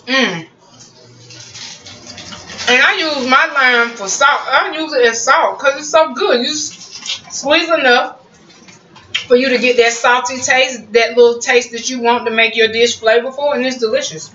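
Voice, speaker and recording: This cooking vlogger has a high, sharp-toned voice and speaks a little slowly, pausing often. Eating at home in her kitchen, she chats casually to y'all and hums over every bite. Her home recording sounds roomy, distant and muffled, with a faint hiss or hum.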